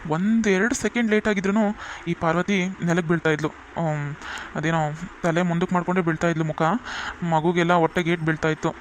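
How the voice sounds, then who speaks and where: A man's voice: a little high, fairly even intonation, brisk, a little hiss or hum, natural voice. A man voicing a scheming young village villain. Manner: muttering, gloating asides. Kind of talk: cartoon voice acting.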